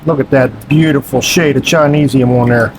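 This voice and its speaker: A man's voice: medium pitch, steady tone, normal speed, background noise. A man working as a mechanic, chatting casually and joking in a folksy country way while rebuilding an engine in a garage. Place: garage workshop.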